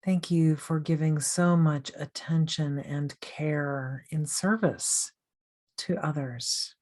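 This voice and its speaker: A woman guides a meditation with a low, unhurried voice. She speaks softly and invitingly, drawing out her words with long pauses between them. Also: steady tone. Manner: slow, soothing, gently inviting. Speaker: meditation coach.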